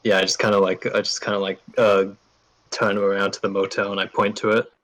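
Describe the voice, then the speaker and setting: A man's voice: fairly low pitch, flat delivery, brisk, fairly bright tone, rough recording. A man playing a tabletop game, casual and full of fillers. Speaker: player.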